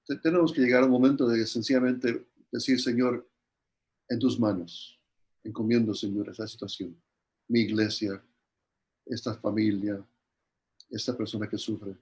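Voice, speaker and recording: A man's voice: on the low side, fairly even intonation, moderate pace, pauses often, a little mellow. An older man, a guest pastor, answering questions in an earnest sermon style, often repeating words as he restarts. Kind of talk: sermon-style answers in an online church conference.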